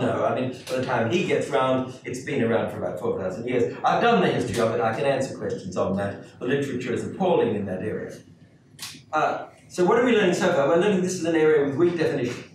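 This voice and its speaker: An older man delivers an academic keynote from a lectern, forceful and sardonic, firing off rhetorical questions. His voice sits at an ordinary middle pitch. It is picked up from a distance in a very echoey lecture hall, with faint room noise behind him. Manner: emphatic, sweeping, sardonic asides. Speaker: keynote speaker. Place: lecture hall with wood paneling and small audience. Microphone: lectern microphone, recorded from a distance.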